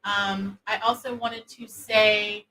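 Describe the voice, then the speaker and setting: A woman hosting a casual product demo, talking in a soft, sultry voice with many fillers. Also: medium pitch, flat delivery, takes it slowly, rough recording. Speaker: host of an intimacy product show.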